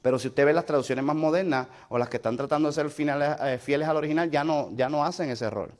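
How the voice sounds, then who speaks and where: Speaking fast in a fairly high voice, this man leads a Bible study, walking through the lesson one step at a time. He keeps asking his listeners whether they're following, and English fillers like "so" slip into his speech.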